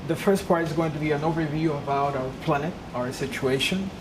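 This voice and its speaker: An earnest woman from Peru, speaking English as a second language, gives a public lecture with slides as a guest lecturer. Her voice is low-pitched and fairly quick, and the room around her is noisy with a hum.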